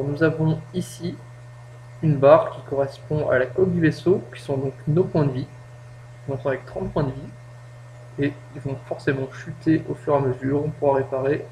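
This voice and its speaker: A man hosting a casual gameplay tutorial, explaining step by step and joking at his own expense. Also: dark tone. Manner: chatty, self-mocking, explains step by step. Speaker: gaming tutorial host. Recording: low-quality home mic with faint hum.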